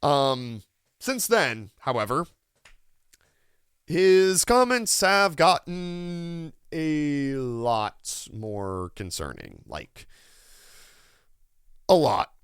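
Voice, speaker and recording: A man's voice: fairly high pitch, very animated, very slow, long pauses, fairly bright tone, smooth, dry recording, clean studio sound. A man hosting casual political commentary, rambling with lots of fillers and swearing, his voice sore. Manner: rambling, many "like" fillers, swearing, laughs often. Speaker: radio and podcast host.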